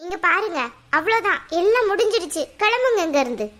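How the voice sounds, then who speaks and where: A woman's voice: very high-pitched, sing-song, quick pace, a bit bright, full character voice. A woman voicing a harsh middle-aged mother who scolds and gives orders in a cartoon. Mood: scolding. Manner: scolding and commanding. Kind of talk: cartoon voice acting.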